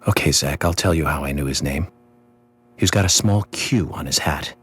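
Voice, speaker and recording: A man voicing a quirky FBI agent in a video game who talks to an imaginary friend, with a husky voice. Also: rumbling low, moderate pace, fairly bright tone, exaggerated voice. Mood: odd chummy.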